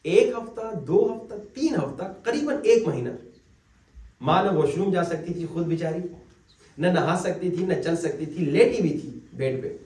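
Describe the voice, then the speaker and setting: Guy preaching, high voice, echoey hall with the mic kinda far off, tells stories and does the voices. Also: animated, a little mellow. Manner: storytelling, acts out quoted voices. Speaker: Islamic cleric. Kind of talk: religious lecture.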